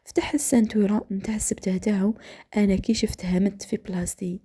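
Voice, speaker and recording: A woman with an Algerian accent telling a dramatic story while cooking, often dropping to a hushed whisper, with a gravelly voice. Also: medium pitch, steady tone, quick pace.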